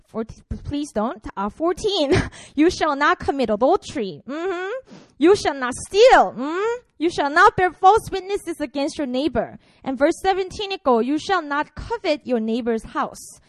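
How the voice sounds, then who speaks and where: Her voice sitting high with no room sound, a Korean woman in her twenties who works as a pastor delivers a casual, playful sermon to students. She keeps things chatty, filling her speech with frequent fillers.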